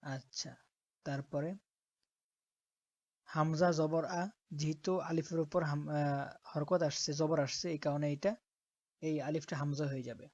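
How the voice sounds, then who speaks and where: A woman teaching Quran reading, who spells out letters slowly and often checks that her listeners are following. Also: low-pitched, steady tone, darkish tone, dry recording, muffled recording. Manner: slow, patient, checks in with "ঠিক আছে?".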